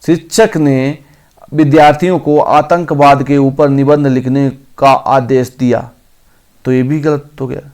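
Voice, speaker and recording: Male teacher, exam-prep grammar lesson, slow read-outs then corrections, mid-pitched voice. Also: fairly even intonation, a little mellow. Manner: reads each option aloud slowly, then corrects it.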